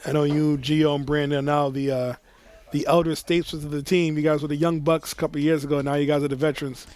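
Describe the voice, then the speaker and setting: A man giving chatty color commentary on a high school football game, full of "you know" and "I mean". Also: level tone, fast talker, a little mellow.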